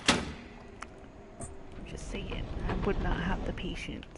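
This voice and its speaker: A woman's voice: fairly low pitch, level tone, takes it slowly, heavy background noise. A young woman giving casual, slangy, reactive commentary as she plays a game. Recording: loud game music behind. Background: loud game music.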